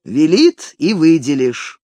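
A reader voicing a stern, impatient male estate manager who scolds curtly in a lowered voice. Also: very animated, slow, darkish tone, dry recording. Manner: curt, severe scolding. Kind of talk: audiobook character reading.

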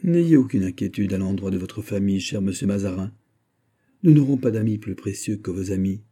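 A man voicing a middle-aged queen mother who speaks urgently and pleadingly, in a husky voice. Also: on the low side, animated, fairly quick, dark tone.

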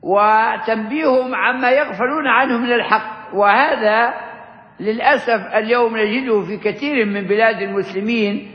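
A man teaching as a sheikh, explaining a classical religious text in a measured lesson that stops to gloss words. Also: very high-pitched. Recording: echoey hall, dull lo-fi sound.

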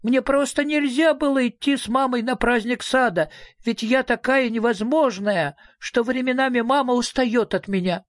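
A reader voicing a small, whiny, melodramatic girl creature in a storybook, high and tearful. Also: normal speed, no echo, clean studio sound, natural voice. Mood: whiny, dramatic. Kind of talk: audiobook character voice.

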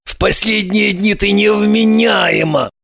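A woman voicing a flustered, quick-tempered middle-aged male boss in an audiobook, with a gravelly, breathy, slow manner. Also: medium pitch, dry recording, clean studio sound, exaggerated voice. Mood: grumbling. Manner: slow, blustering. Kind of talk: audiobook character voice.

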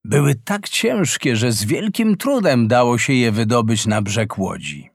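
A man reading a fairy tale aloud as a slow, expressive storyteller in a close, dry recording. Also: medium pitch, creaky, slightly rough, no echo. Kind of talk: scripted fairy-tale narration.

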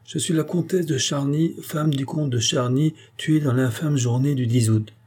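A man reading the part of a proud, doomed young noblewoman who speaks in a gentle yet firm, grave way. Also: medium pitch, normal speed, husky, pitched above the performer's own voice, close to an everyday voice.

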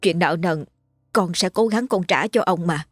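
A woman's voice: lowish voice, moderate pace, dry recording, studio quality, natural voice. Woman as a humble, pleading peasant mother. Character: poor pleading woman tenant farmer in her forties.

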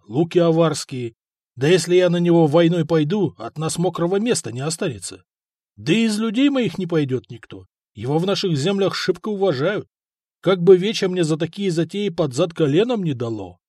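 A man's voice: on the high side, expressive, normal speed, darkish tone, no room sound, clean studio sound. A man voicing a blustering but timid middle-aged chieftain who bickers with his wife. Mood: dismayed.

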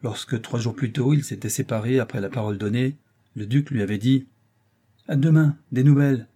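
Guy reading an old novel aloud, steady and measured, husky mellow voice. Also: on the low side. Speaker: audiobook narrator. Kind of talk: scripted narration of a classic novel.

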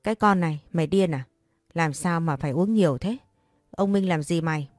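A bossy young woman friend, as a narrator puts her on, blunt and scolding with rough, slangy directness. Her voice sits low and mellow, dry and close, with faint music underneath. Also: a little fast, no room sound, close to an everyday voice.

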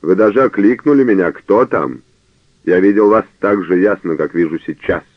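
A man voicing a cornered young male priest who talks with feigned calm and snaps back, on a narrow phone-like radio recording. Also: sits low, moderate pace, no echo. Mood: defiant.

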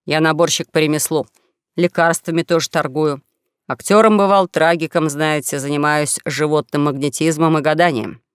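A man's voice: on the high side, steady tone, normal speed, clean tone, no echo, studio quality, voice pushed down, close to an everyday voice. A man voicing a young con-man who plays a wronged duke, mournful and grandiose. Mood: boastful. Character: young male con-man posing as a tragic duke, self-pitying.

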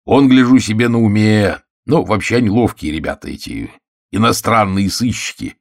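A man's voice: lowish voice, normal speed, gravelly. A man reading an audiobook, voicing a bluff, jovial older colonel with a teasing manner.

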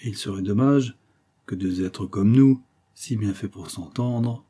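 A man's voice: on the low side, unhurried, dark tone, husky. A man reading an audiobook, voicing a scheming, seductive adventuress who coaxes and wheedles. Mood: coaxing. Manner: coaxing, wheedling.

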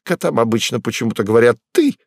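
A man voicing a boastful, theatrical demonic tomcat in an audiobook, speaking high and proudly. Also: big pitch swings, fast, vocal fry, no room sound, studio quality. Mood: flattered. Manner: high, proud, indignant declaiming.

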